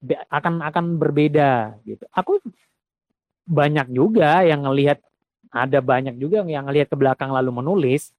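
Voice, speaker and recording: A man talking about songwriting in a casual conversation, reflective and halting, restarting his sentences. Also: on the high side, dry recording, narrow, tinny audio.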